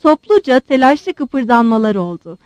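High, lively woman reading a novel. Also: measured pace, no room sound. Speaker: audiobook narrator. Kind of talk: audiobook narration.

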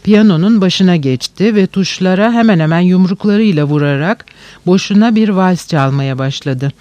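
High-voiced man reading a novel aloud. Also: moderate pace, darkish tone, no room sound, highs cut off. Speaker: audiobook narrator. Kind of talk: scripted narration.

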